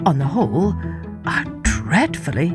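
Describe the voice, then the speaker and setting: A woman narrating a folktale for children in an expressive, measured way. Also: deep voice, loud music behind the voice. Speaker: storyteller.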